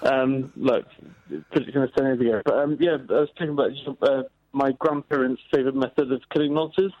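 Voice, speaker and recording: A man's voice: mid-range voice, steady tone, a little fast, no echo. A Welsh man calling in to a radio show over a crunchy phone line, full of cold and hesitant, with lots of ums and uhs. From Wales. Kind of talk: casual phone-in call.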